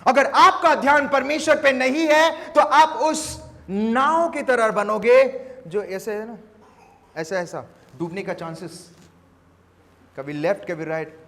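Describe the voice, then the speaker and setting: Man preaching, high voice, long echo of a hall, loud then hushed, Indian English accent. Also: slow, vocal fry. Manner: preaching that swings from loud to hushed while telling a story. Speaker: pastor. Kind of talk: sermon. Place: church hall.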